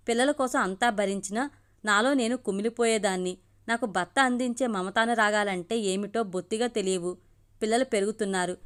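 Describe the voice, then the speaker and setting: A gentle middle-aged aunt, voiced by a woman narrator pours out an old secret. She speaks softly and heavily, at a middle pitch, like a storybook confession. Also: natural voice.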